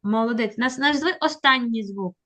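A woman teaching a child to read on a video call, patient and encouraging, drawing her prompts out slowly. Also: a little high, sharp tone. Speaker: literacy teacher. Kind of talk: online reading lesson with a child.

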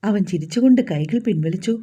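A woman narrating a romantic novel in a soft, expressive reading voice. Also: medium pitch, fast, breathy edge. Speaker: storyteller.

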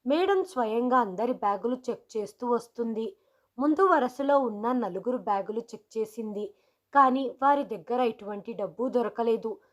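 A woman narrating a story in a steady, even reading. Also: on the high side, normal speed.

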